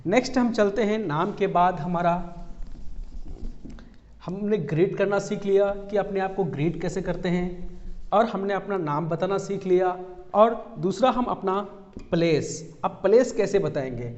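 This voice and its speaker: A man from Bihar giving a spoken English lesson, explaining slowly, repeating phrases and checking in with "right?". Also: high voice, darkish tone, in a large hall, highs cut off. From Bihar, India. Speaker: English teacher.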